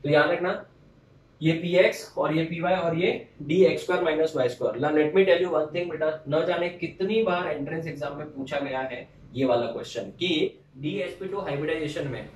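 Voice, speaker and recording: A man's voice: on the high side, moderate pace, roomy sound, recorded from a distance, slight background noise, rough recording. A man teaching chemistry in a classroom lecture, explaining step by step and quizzing his students, then answering for them.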